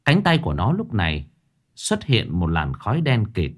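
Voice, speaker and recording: A man narrating a ghost story in an expressive storytelling manner. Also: on the low side, moderate pace, slight background noise.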